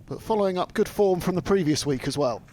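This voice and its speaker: Higher-voiced male golf commentator. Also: expressive, quick pace, darkish tone. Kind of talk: live play-by-play commentary.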